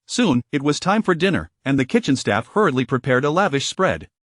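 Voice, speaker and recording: A man narrating a story in a steady, even way. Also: mid-range voice, a little fast, dry recording, clean studio sound.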